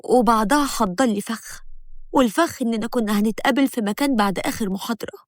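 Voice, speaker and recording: A woman with an Egyptian accent narrating a first-person story in a brisk, dramatic way. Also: on the high side, no echo, clean studio sound. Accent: Egyptian Arabic.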